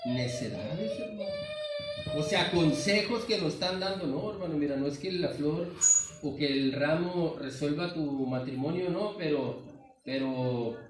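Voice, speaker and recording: Northern Mexican preacher in an echoey church. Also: male voice, a little high, unhurried, recorded from a distance, crowd noise. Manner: earnest, keeps calling listeners "hermano". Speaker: pastor. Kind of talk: sermon. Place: large church sanctuary. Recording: very echoey hall, voice from afar.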